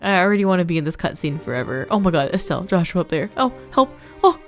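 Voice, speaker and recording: A woman's voice: on the low side, very animated, fast talker, soft background music. A woman playing a story game who reads its text aloud and breaks off into emotional, gushing reactions. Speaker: let's play streamer.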